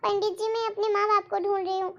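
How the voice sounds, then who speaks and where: Anxious young daughter-in-law , a woman acting: very high voice, emotional, pleading. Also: little pitch movement, fast, highs cut off. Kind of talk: storytelling role-play.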